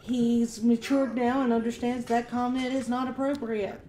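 A woman's voice: fairly high pitch, level tone, normal speed, warm tone, roomy sound, slight background noise. A woman asking teasing questions in casual stream chat.

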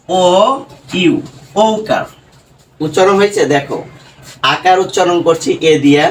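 A man's voice: a little high, recorded from a distance, a little hiss or hum, poor audio. A man teaching a classroom lesson on English reading, asking questions and then answering them, often adding "right?". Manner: addresses viewers as students.

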